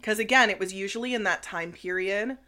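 A woman in her thirties co-hosting a podcast in relaxed casual chat, with many fillers, sometimes dropping to a near whisper. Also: medium pitch, fairly quick. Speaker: podcast co-host.

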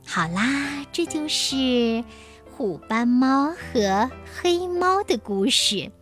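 A woman telling stories to young children, explaining things gently like a kindergarten teacher. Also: sits high, expressive, drawn-out words. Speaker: children's storyteller. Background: music.

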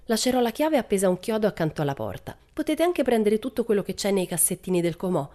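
A woman voicing a bold, cheerful young girl in a storybook reading, speaking briskly with a raised voice. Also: mid-range voice, big pitch swings, dark tone, voice pushed up, lightly acted. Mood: tender.

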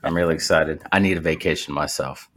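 An American man with a low-pitched voice hosts a podcast. His talk is casual and informal, like chatting with an old buddy. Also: fairly even intonation, fast, fairly bright tone, slight background noise. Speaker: podcast host. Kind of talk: casual chat.

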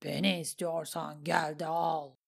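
A woman voicing a wounded, hulking male warrior who speaks low, curt and scornful. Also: level tone, a little slow, vocal fry, full character voice. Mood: defiant.

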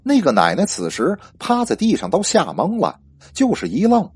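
A man narrating a ghost story with lively spoken storytelling and a husky voice. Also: a little high, normal speed, no room sound.

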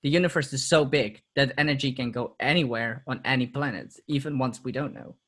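A man's voice: medium pitch, brisk, a bit bright. Reflective man, laughing podcast guest. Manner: reflective, laughs often, repeats words when restarting. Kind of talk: casual interview chat.

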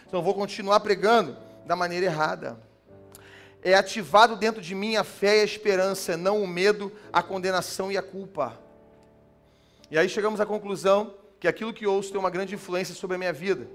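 Male pastor, high register, lively sermon delivery that drops soft and slow at times. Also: faint music behind. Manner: animated, swings from loud emphatic to soft and slow.

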